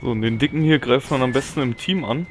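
A man's voice: medium pitch, quick pace. A man giving casual gameplay commentary as a let's player. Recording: game music and effects behind. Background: video game music and action sounds.

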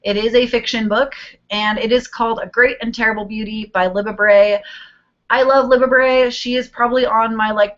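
This twenty-something woman rambles cheerfully while answering viewer questions, humming whenever she searches for another one. Her voice is slightly high with a fairly bright tone. The webcam video call from her small bedroom gives the audio a somewhat muffled, lo-fi quality.

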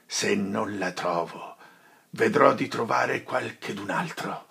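A man's voice: low voice, fairly even intonation, takes it slowly, gravelly, a bit bright, husky, heavily acted. A man voicing a desperate, furious young man in an audiobook, breaking into rising outbursts.

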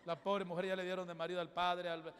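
A male pastor, preaching a sermon with emphatic swings between loud exhortation and quiet asides. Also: high-pitched, little pitch movement, fast. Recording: long hall reverb.

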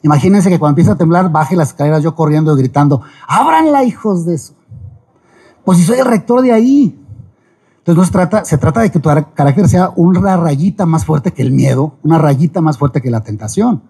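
Mexican guy giving a talk, kinda high voice, mellow and husky, jokey asides. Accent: Mexican Spanish. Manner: lively, folksy, quick asides and jokes. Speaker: speaker giving a talk on ethics. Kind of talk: lecture-style public talk.

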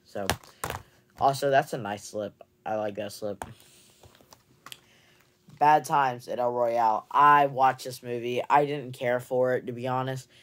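Seated before his camera mic in a home room full of movie shelves, a young man rambles casually through a haul video with many fillers. The film collector speaks in a mid-range voice, with slight background noise in the recording.

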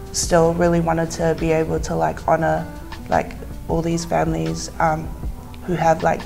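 A woman's voice: on the low side, gravelly. A young woman from South Auckland, a producer speaking earnestly in a casual interview, with plenty of "like". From South Auckland, New Zealand. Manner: earnest, heavy use of "like". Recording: music bed underneath.

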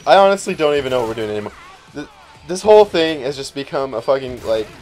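Profane, rambling young let's play host. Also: male voice, mid-range voice, very animated, quick pace, darkish tone, faint music behind. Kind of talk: casual gameplay commentary.

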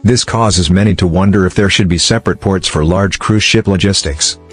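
A man's low-pitched, husky voice narrates a scripted explainer with measured, formal delivery. Music plays softly in the background.

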